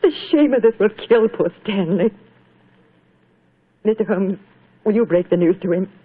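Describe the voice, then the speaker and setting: Actress as anguished, dignified wife. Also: female voice, mid-range voice, normal speed, husky, close to an everyday voice. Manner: earnest, melodramatic. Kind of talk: 1940s radio acting. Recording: dull vintage radio broadcast.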